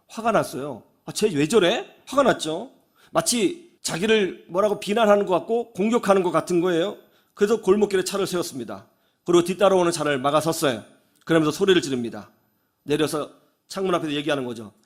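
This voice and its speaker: A male pastor giving a radio sermon, telling stories in an animated way and acting out the people he quotes. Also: high-pitched. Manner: animated storytelling, acts out quoted voices. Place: radio studio.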